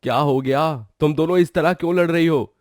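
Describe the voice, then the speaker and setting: A man voicing an exasperated young husband in a cartoon story, with a lively, rising and falling delivery. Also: fairly high pitch, moderate pace, no room sound, studio quality, natural voice.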